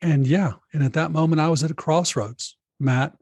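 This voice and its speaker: A man's voice: on the high side, normal speed, darkish tone, dry recording. A middle-aged man, a lawyer guest on a podcast, telling a personal story in earnest and often addressing the host by name. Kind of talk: storytelling in an interview.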